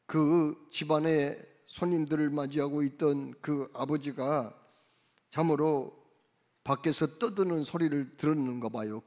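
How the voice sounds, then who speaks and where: Male pastor, high voice, sermon delivery, emphatic questions to the congregation, long church reverb. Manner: emphatic, rhetorical questions, dramatic swings in loudness. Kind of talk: Sunday sermon. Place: church sanctuary.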